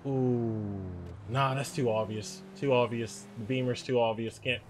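A young man giving nervous, excitable commentary while playing a game, yelling when chased. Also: mid-range voice, measured pace, music in the background. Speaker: gaming YouTuber.

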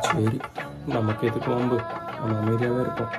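A man's voice: mid-range voice, flat delivery, moderate pace, loud music behind the voice. Easygoing young man in a comedy skit. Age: young adult. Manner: easygoing, turns earnest and reflective. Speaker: comedy skit actor, older brother figure.

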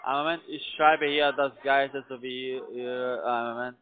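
Over a tinny, narrowband phone line, a call center IT agent with a mid-range voice speaks a little slowly with fairly even intonation. His German, not his first language, carries a foreign accent. He guides the listener step by step, repeats himself, and keeps checking with tag questions.

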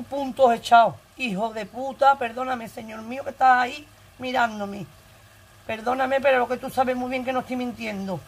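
A vlogger in her forties from Andalusia, Spain, tells her viewers her own story bluntly and emotionally in earthy language, swearing freely and speaking with an Andalusian accent. Her voice is husky and on the high side.

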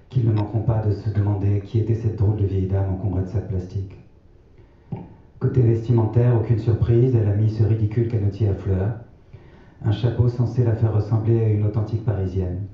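A man with a fairly low voice reads his own novel aloud in a measured, sober way. The recording is very echoey, with the voice set back from the mic. The sound is slightly dull. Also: distant mic. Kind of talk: literary reading.

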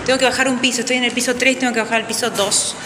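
A woman's voice: a little high, steady tone, racing, noisy background. A young woman with an Argentine accent from Entre Ríos, chatting upbeat as she vlogs on a phone. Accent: Argentine Spanish. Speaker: vlogger. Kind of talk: casual vlog. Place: busy hostel common area indoors. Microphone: handheld phone camera. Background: crowd chatter.

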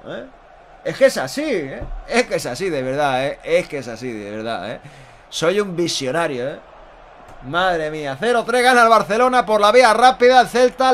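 High, bright-voiced man doing Spanish goal commentary. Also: slight background noise. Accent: Spain. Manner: emphatic, repetitive, swearing and exclaiming. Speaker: football commentator. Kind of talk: Spanish live goal commentary, excitable fan reaction stream. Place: small indoor room at home.

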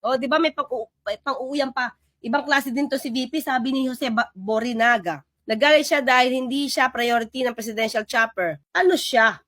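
A woman reacting to clips in lively, sarcastic political commentary. Her voice sits high and sounds bright and sharp. The recording is dry, with no room sound. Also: normal speed, no echo.

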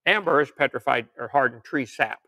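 A man's voice: medium pitch, expressive, a little fast, sharp tone. An older man giving an informal teaching sermon, reading out articles and viewer questions with folksy joking asides. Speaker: preacher and creationist lecturer.

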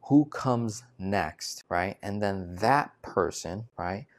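A man in his twenties, a financial coach, giving an animated direct-to-camera sales pitch on a lapel mic, often tagging lines with "right?". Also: takes it slowly. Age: 20s. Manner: animated, gesturing, many filler "right?" tags. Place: indoor studio with plain backdrop.

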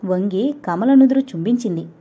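A woman narrating a novel aloud in a steady, expressive scripted reading. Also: mid-range voice, moderate pace, husky, phone-quality sound. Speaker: audiobook narrator.

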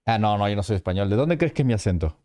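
A man's voice: fairly low pitch, expressive, rapid-fire, mellow, dry recording, clean studio sound. A man streaming and chatting playfully with friends over a game voice call, teasing and joking. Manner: playful, teasing, switches to English for fun. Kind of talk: casual chat in a game voice call.

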